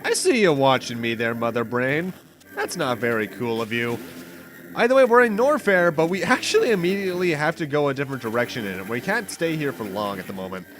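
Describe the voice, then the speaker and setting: This gaming commentator talks a little fast in a medium-pitched voice that swings widely in pitch. He rambles casually through his let's play with a chatty, slightly wry tone, game music running behind him.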